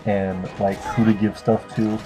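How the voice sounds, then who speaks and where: A young man with a fairly low voice comments on a video game in a level tone and at a measured pace, with game music behind him. As a let's play commentator, he's unscripted and casual, rambling hesitantly and offhandedly.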